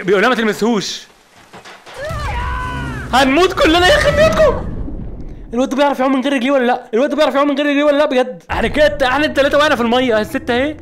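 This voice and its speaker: An Egyptian-accented gaming host gives jumpy let's-play commentary in a very high, rapid-fire voice, with a little hiss or hum in the background. He keeps asking what is going on and lets out frightened exclamations.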